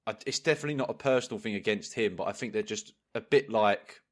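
A man's voice: fairly low pitch, fast talker. A man with an English accent chatting casually as a football podcast co-host, blunt and slangy.

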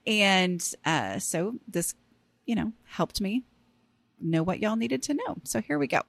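A woman's voice: mid-range voice, lively intonation, measured pace, vocal fry. A woman hosting a casual solo podcast, talking in a chatty, self-deprecating way with rambling asides. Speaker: podcast host.

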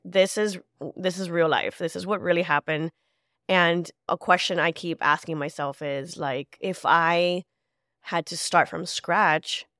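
A woman's voice: low-pitched, dry recording, studio quality. Nasal, congested woman hosting a podcast. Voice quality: nasal, stuffed-up. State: congested with a cold. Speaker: podcast host. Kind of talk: casual solo podcast talk.

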